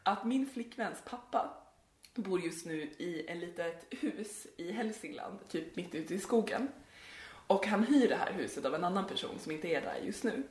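A woman's voice: lowish voice, expressive, a little mellow, roomy sound. A woman co-hosting a podcast, telling a spooky story in a rambling, giggly way with many fillers. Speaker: podcast co-host.

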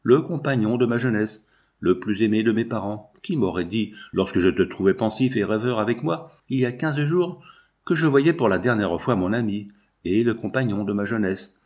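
A man's voice: fairly low pitch, lively intonation, normal speed, darkish tone, lightly acted. Grieving old lawyer, read by a man. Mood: lamenting. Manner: impassioned, lamenting. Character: grieving older male lawyer, effusive and tender.

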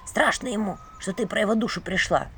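A woman voicing an old male house spirit who tells secrets and warnings in a hushed, confiding way. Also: mid-range voice, a little fast, gravelly, breathy edge.

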